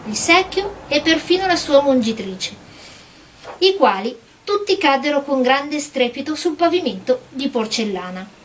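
A woman reading a storybook aloud in a calm, steady narrating manner. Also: sits high, slight background noise. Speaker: reader.

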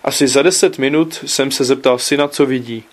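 A man's voice: mid-range voice, fairly even intonation. A man reads a humorous newspaper column aloud in a dry, wry storytelling manner. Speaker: narrator, reader.

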